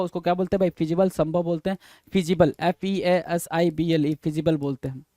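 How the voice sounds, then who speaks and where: A man teaching an exam-prep vocabulary lesson, who reads definitions slowly, then explains in quick asides and spells words letter by letter. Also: high-pitched, darkish tone, no echo. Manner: addresses listeners as "bhai".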